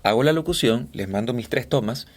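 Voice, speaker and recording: A man's voice: medium pitch, brisk. Ecuadorian male voice-over guest, chatty. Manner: animated storyteller, many fillers and restarts. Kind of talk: casual interview chat.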